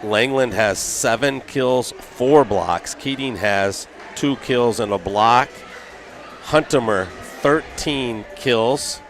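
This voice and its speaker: A man giving color commentary at a high school volleyball match, steadily recapping sets and reading stats. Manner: steady, reads stats methodically.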